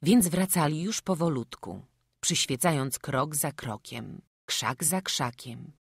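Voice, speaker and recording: Woman narrator, low voice, calm storybook reading, dry studio sound. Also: slow, vocal fry, breathy edge, no echo. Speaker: audiobook narrator. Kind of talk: scripted narration. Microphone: close studio mic.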